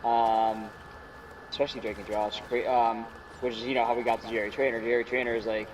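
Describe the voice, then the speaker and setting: Twenties guy co-host, loose animated storyteller, mid pitch, distant mic. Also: fairly quick, a little hiss or hum. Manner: animated, swearing, laughing storyteller. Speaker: podcast co-host. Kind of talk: casual chat.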